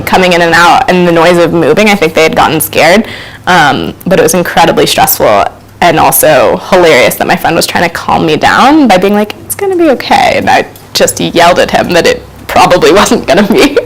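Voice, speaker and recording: A woman's voice: fairly low pitch, fairly quick, a little hiss or hum, low-quality recording. A young adult woman telling a casual personal anecdote, chatty with frequent ums and laughing asides. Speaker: storyteller.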